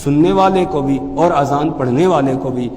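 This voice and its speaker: Urdu-speaking religious teacher in an echoing room. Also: male voice, a little high, a little hiss or hum. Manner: explains pronunciation calmly, then chants the call loudly and drawn out. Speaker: mufti teaching the call to prayer. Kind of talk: religious lesson with chanted demonstrations.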